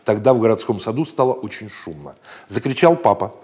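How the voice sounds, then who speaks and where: A man reading a children's story aloud in a gentle, playful storytelling manner, raising his voice for the shouted lines. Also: lowish voice, sing-song, fairly quick, husky. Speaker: narrator.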